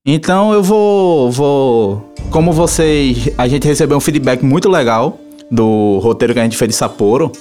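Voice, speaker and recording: High-voiced Brazilian man hosting casually. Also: lively intonation, moderate pace, darkish tone. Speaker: radio show host. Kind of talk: casual hosted talk about travel places. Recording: music playing behind the voice. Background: instrumental music.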